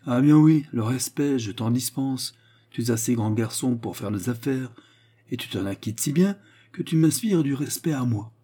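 A man's voice: medium pitch, moderate pace, dark tone, lightly acted. A man voicing a scheming, garrulous old male baron who needles his son, in an audiobook reading. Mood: needling. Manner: sly, needling, boisterous. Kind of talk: audiobook character voice.

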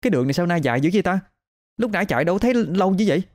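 A man's voice: sits high, expressive, racing, darkish tone, faint music behind, voice pushed up. A stammering, terrified young woman. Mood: puzzled. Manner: stammering in panic. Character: terrified adult daughter, cowardly and whiny.

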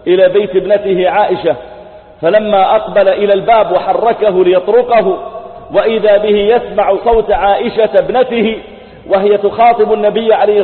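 A man preaching a sermon, retelling a story vividly and acting out its dialogue. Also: high-pitched. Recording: tinny phone-like sound in an echoey hall.

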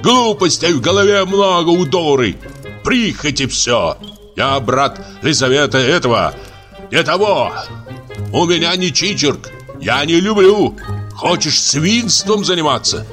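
A man voicing a drunk, jealous husband who shouts, scolds and rants at his wife in an audiobook. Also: fairly high pitch, animated, measured pace, faint music behind, pitched above the performer's own voice. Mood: furious. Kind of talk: audiobook character voice.

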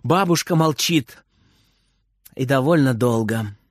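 A man reading a children's story aloud in a lively, theatrical way. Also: mid-range voice, slow pace, no echo, studio quality. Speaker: narrator.

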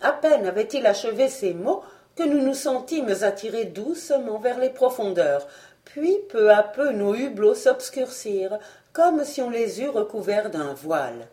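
A woman reading an audiobook aloud as scripted narration, measured and expressive. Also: fairly high pitch. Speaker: audiobook reader.

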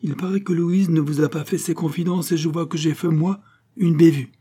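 A man reading an audiobook, voicing a cool, affable young gentleman. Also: fairly high pitch, fairly quick, slightly rough, pitched above the performer's own voice. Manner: calm, affable, self-assured. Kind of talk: audiobook character voice.

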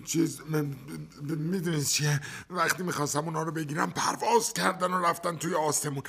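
Yang, a foolish gluttonous husband. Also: male voice, on the high side, steady tone, gravelly, sharp tone, slightly rough, exaggerated voice. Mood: sheepish. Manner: whiny, stammering, moaning with hunger. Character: foolish gluttonous hungry husband, boastful and simple. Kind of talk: radio play acting. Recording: hissy old radio tape.

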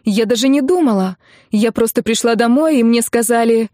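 A woman voicing a young female student who pleads in a high, loud, tearful voice in a dry audiobook recording. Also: moderate pace, no echo, natural voice. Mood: desperate.

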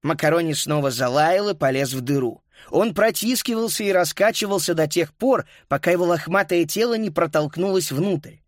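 A man narrating a children's story as an audiobook, lively and voicing each child. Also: on the high side, moderate pace, hardly any pauses, no echo, clean studio sound.

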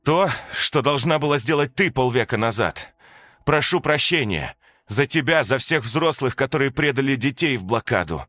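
A man's voice: mid-range voice, expressive, normal speed, a bit bright, no echo, voice pushed up. A man voicing a determined young woman who acts as a fierce protective mother to ghost children, pleading and commanding by turns, read in a dry, close recording. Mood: urgent, commanding.

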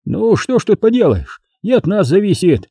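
A man voicing gruff old commander Бобёр. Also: high-pitched, sing-song, moderate pace, mellow, no room sound, studio quality, voice pushed up, heavily acted. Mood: grumbling. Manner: barking orders, grumbling. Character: gruff old male war commander, blunt.

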